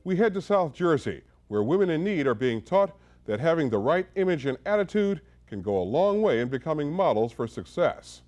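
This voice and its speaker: A male news anchor introduces the next story in a somewhat high voice. His delivery is lively and broadcast-ready, with a wide, animated pitch. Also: moderate pace, hardly any pauses.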